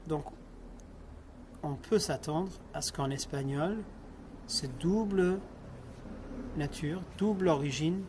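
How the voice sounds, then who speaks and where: A man's voice: on the high side, takes it slowly, long pauses, noisy background. A man lecturing on linguistics, explaining step by step, asking the class questions and repeating example words.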